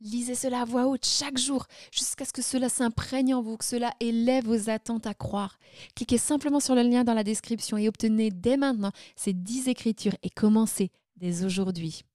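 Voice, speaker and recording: A woman's voice: fairly high pitch, steady tone, normal speed, a little mellow, dry recording, clean studio sound. A woman minister delivering sermon-style teaching, speaking in emphatic, declaring phrases.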